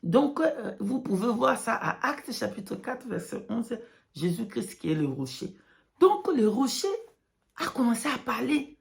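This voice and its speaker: Her voice sits on the high side, creaky and a little mellow. Addressing followers, this non-native French speaker delivers a religious testimony in halting French, slipping into English and hammering home repeated phrases.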